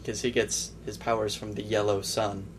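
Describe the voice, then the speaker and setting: A man's voice: fairly low pitch, flat delivery, normal speed, a little hiss or hum. Matter-of-fact man co-hosting a podcast. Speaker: podcast co-host. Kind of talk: casual chat about movies.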